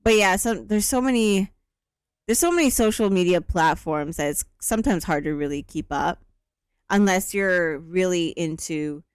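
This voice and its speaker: A woman in her thirties chats casually as a podcast co-host, rambling easily from one thought to the next. Her voice is smooth and sits a little low for a woman. The sound is dry and close, with no room echo. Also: normal speed. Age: 30s. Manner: easygoing, rambling with fillers. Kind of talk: casual chat.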